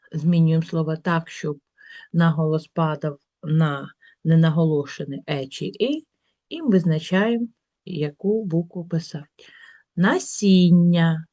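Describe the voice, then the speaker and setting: A middle-aged woman teacher giving a workbook lesson to schoolchildren, reading out example words slowly and carefully. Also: low voice, mellow, no room sound. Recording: dull, lo-fi recording.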